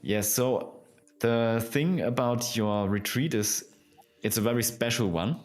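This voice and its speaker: A native German speaker hosts an English-language podcast, giving the intro and asking interview questions in simple, repetitive phrasing. He speaks slowly at a medium pitch, with faint music in the background.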